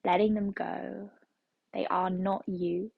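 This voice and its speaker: A woman leading a yoga class through a slow, soothing guided meditation. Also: mid-range voice, level tone, creaky, husky, no echo, narrow, tinny audio. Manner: slow, soothing, repetitive phrasing. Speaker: yoga teacher.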